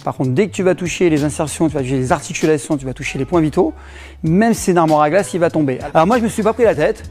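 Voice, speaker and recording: A man's voice: a little high, fast, darkish tone, faint music behind. A middle-aged man with a French accent teaching self-defense in a casual demonstration, joking and laughing often as he explains.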